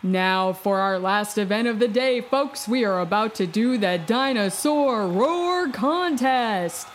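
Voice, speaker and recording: A woman's voice: medium pitch, expressive, slow, a little hiss or hum. A woman narrating a children's story as an exclamatory, theatrical sports announcer. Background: music.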